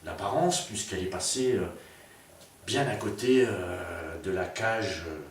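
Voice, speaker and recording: A man's voice: low-pitched, a little slow. A man telling a rambling comic story full of puns and fillers, recorded from a distance in a very echoey room. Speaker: comedian. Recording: very echoey, distant, faint noise.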